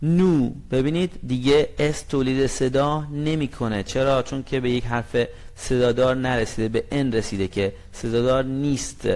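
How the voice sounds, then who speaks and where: A man teaching a language lesson, explaining grammar in a friendly way and reading example sentences very slowly and clearly. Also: medium pitch, darkish tone. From Iran.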